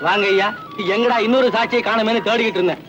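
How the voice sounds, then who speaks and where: An actor playing a flustered, sarcastic young bachelor in an old film comedy, grumbling in exasperation. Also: male voice, sits high, fairly even intonation, very fast, dull audio, lightly acted. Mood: indignant. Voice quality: comic exasperated grumbling, mutters "karmam". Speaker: bachelor pestered by a lost boy. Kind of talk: 1960s film comedy acting. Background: film score music.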